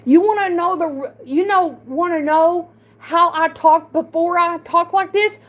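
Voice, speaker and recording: High-pitched woman, slow halting speech. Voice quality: speech impediment. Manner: halting, repeats and restarts words, defensive. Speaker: livestreamer. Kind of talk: emotional livestream monologue.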